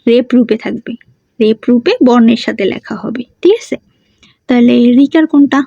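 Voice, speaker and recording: A woman teaching, with a somewhat high but dark, gravelly voice. She poses questions and answers them herself, stressing each key word. The recording is dull and muffled, with a dry sound. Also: moderate pace, no room sound. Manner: asks and answers her own questions, repeats key words. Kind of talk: grammar lesson with questions to students.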